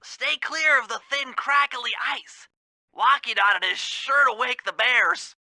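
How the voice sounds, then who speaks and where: In video game mission dialogue, a man voices a fussy, brainy gadget expert, speaking precisely and formally in an earnest, instructive mood. His exaggerated voice is very high-pitched, bright and forceful, a little slow, and the recording is dry.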